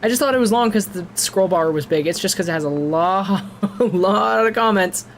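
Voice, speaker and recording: A man chatting casually on a live stream, excitable and jokey, laughing often. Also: high voice, moderate pace, a little hiss or hum. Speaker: streamer reading creepypastas.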